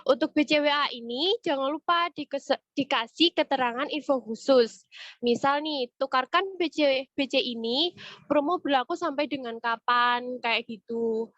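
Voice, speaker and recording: Battling a cold and a cough, a woman gives a chatty retail training presentation in an online meeting, pausing often to check on her audience. She speaks at normal speed in a high, fairly bright voice. No room sound, but the online audio is muffled and dull.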